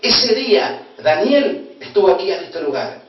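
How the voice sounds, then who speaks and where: Man, Argentine pastor, high voice, emotional storytelling sermon, very echoey church hall. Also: sing-song, measured pace. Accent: Argentine, from Corrientes. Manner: emotional preaching, swinging between loud exclamation and hushed tones. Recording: very echoey hall, distant dull mic.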